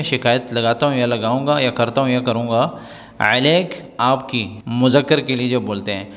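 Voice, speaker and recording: A male teacher giving a spoken Arabic lesson, explaining each phrase in Urdu. He drills phrases patiently, repeating them slowly so learners can follow. His voice is medium-pitched and sits in a room with a long, trailing reverb. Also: a bit bright.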